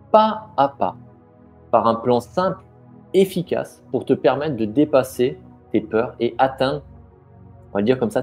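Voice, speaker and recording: This coaching video has a business mindset coach speaking to the viewer one-on-one, loosely and encouragingly, with fillers and restarted sentences along the way. He has a mid-range, darkish voice.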